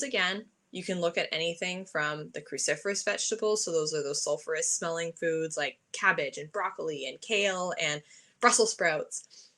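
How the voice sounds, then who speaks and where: A woman's voice: mid-range voice, a bit bright. A woman in her thirties presenting health products informally, in a conversational, explanatory and enthusiastic way. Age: 30s. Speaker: health supplement presenter for a sponsor. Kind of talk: informal product talk at an online event.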